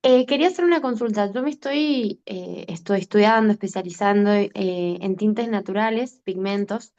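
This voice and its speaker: A woman's voice: medium pitch, a little mellow. Tentative woman on a muffled call. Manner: tentative, many filler pauses. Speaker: workshop participant. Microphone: video call.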